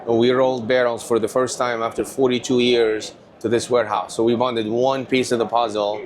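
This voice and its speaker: A man from Tunisia, telling stories as an animated guest in a casual interview. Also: mid-range voice, fairly quick. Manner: animated, rambling storyteller. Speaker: whiskey company owner, guest.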